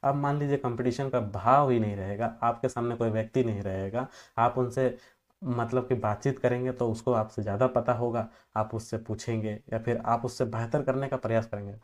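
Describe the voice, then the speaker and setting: A man's voice: medium pitch, steady tone, brisk. Guy teaching an exam prep class, chatty and loose, lots of filler, fumbles terms then fixes them. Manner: loose conversational explaining with homely examples; filler-heavy, repeats "जो है" often.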